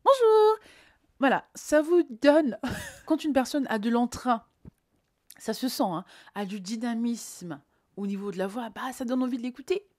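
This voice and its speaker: A woman's voice: a little high, moderate pace. A woman giving job interview advice on her channel in an emphatic, playful manner. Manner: emphatic, playful, lively teaching tone. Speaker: vlogger and recruitment coach. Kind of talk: advice vlog.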